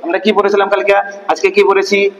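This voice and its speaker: A man's voice: high-pitched, completely flat delivery, fast, muffled recording. Man, Quran reading teacher, drills letter sounds, quizzes students, reverberant room. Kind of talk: online Quran lesson, call and response. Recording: echoey room with long reverb.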